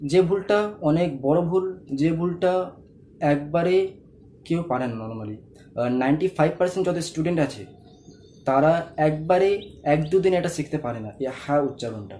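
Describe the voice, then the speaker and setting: A man, teaching a pronunciation lesson and patiently repeating each sound slowly for learners to copy. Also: on the high side, animated, dark tone, slight background noise. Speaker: Quran reading teacher.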